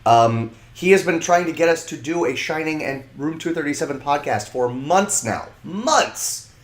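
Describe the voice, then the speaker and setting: A man co-hosting a podcast, talking in an excitable, animated way with many restarts. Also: fairly high pitch, normal speed, echoey room. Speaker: podcast co-host. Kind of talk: casual chat.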